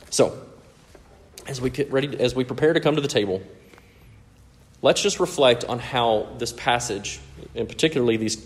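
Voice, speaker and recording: A man with a Mississippi drawl preaching a sermon as a pastor, phrasing deliberately and with emphasis. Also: on the low side. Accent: Mississippi drawl, Southern US. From Mississippi, United States. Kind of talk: expository sermon with scripture readings.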